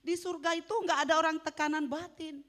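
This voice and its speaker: Middle-aged woman pastor with a high, bright voice, chatty and emphatic, with sharp jumps in loudness. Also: steady tone, brisk. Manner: emphatic, conversational preaching with sharp swings in loudness. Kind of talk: sermon.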